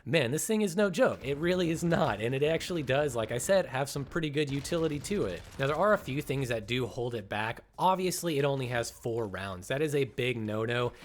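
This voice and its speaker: A young man with a stuffy, congested voice talks through his game footage in a relaxed, chatty way. He sounds enthusiastic and amused as he gives his commentary. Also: medium pitch, fairly quick, hardly any pauses, slight background noise. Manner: enthusiastic, chatty, laughs at how fun the weapon is. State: congested after illness. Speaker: gaming video host.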